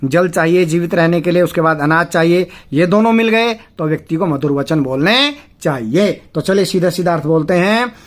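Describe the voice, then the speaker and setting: A man teaching a class as a Sanskrit teacher, patiently explaining and slowly chanting verses before breaking them down word by word. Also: a little high. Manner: deliberate, with frequent pauses and fillers. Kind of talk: lesson explaining a textbook chapter.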